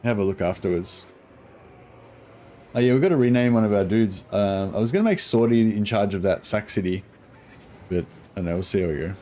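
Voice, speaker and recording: A man's voice: fairly low pitch, brisk, long pauses, dark tone, a little hiss or hum. A man with a broad New Zealand accent giving casual gameplay commentary in a laid-back, sweary, rambling way. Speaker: gaming streamer.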